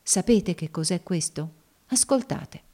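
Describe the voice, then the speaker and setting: A woman's voice: lowish voice, animated, a little slow, dark tone. A woman voicing a cold, mocking woman who taunts her master in a dramatic audiobook reading. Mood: mocking, taunting. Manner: scornful, sneering.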